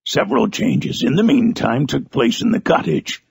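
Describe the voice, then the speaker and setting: Frankenstein's monster, deeply gravelly and wretched. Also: male voice, big pitch swings, normal speed, a little mellow, exaggerated voice. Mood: melancholy, earnest. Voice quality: very gravelly, raspy. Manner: grave, formal, anguished theatrical delivery. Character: Frankenstein's monster, wretched, eloquent, brooding male creature. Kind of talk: dramatic audiobook monologue from a gothic novel.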